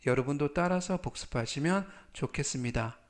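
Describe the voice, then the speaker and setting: A man teaching English vocabulary in Korean, reading each word and example sentence slowly three times with formal, polite phrasing and a Korean accent in English. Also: a little high. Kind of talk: slow, patient vocabulary lesson.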